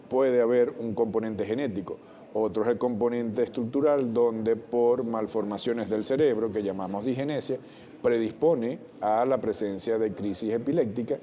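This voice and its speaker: Mellow-voiced doctor explaining. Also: male voice, mid-range voice. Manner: measured, technical, with frequent self-corrections. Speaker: pediatric doctor guest. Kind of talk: explanatory television interview.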